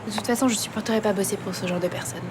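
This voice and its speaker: An actress playing a discouraged young job-seeker. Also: female voice, medium pitch, steady tone, rapid-fire, noisy background, natural voice. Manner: glum, discouraged. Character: young woman, jobless and downhearted. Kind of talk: TV soap drama.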